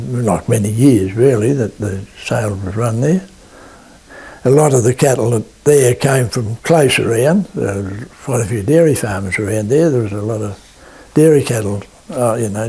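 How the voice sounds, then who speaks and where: A man's voice: medium pitch, warm tone, slightly rough. An older man with a rural Australian accent, reminiscing in a laconic country drawl. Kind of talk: oral-history reminiscence.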